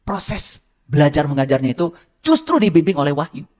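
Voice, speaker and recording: A man preaching a sermon to an audience, teasing his listeners with joking asides and leaping up in pitch when he quotes scripture. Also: fairly quick. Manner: animated, jumping high in pitch for quotes. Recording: hall reverb.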